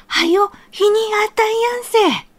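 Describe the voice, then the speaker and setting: A woman's voice: extremely high pitch, unhurried, pitched above the performer's own voice. A woman voicing a caring old grandmother from a folktale, soothing her husband with a Kagoshima accent.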